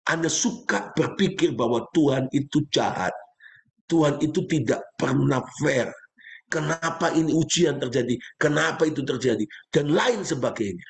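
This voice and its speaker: A man's voice: expressive, moderate pace, vocal fry. A male pastor preaching a sermon, speaking straight to his congregation with emphatic, leaping exclamations. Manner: emphatic preaching with sudden pitch leaps; addresses congregation directly.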